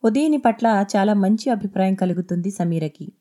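A woman reading her own serialized novel as an audiobook, in a steady, measured narrating style. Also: mid-range voice. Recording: echoey intro over music.

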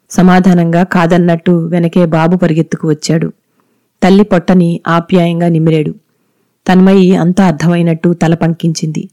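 A narrator reading a story aloud in a measured, even storytelling manner. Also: medium pitch. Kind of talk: scripted audiobook narration.

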